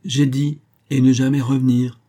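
A man's voice: medium pitch, normal speed, dark tone, breathy edge, lightly acted. A man voicing a cold, proud, wealthy man who speaks in a dry, clipped way. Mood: cold, curt.

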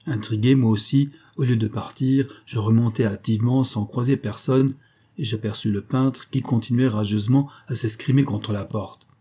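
A man reading a novel aloud as an audiobook narrator in a measured, storytelling way. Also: mid-range voice, steady tone, dark tone. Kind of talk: scripted narration.

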